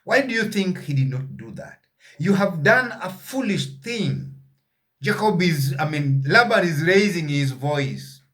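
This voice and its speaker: A man reading Bible verses aloud and explaining them in a sermon, pausing often with fillers and putting questions to his listeners. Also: fairly high pitch, big pitch swings, fairly bright tone. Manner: halting, with frequent "uh" fillers. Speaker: Bible teacher.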